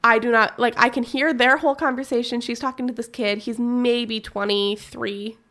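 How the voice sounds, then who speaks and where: A young woman co-hosting a podcast, telling a story casually with animated, profane, laughing energy. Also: a little high, moderate pace. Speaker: podcast co-host.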